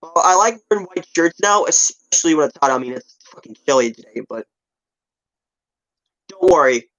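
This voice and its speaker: Recorded at low quality, a young man's fairly high, slightly bright voice moves at normal speed with expressive delivery. At twenty, he's a video creator updating viewers and answering comments, rambling offhandedly and often repeating himself.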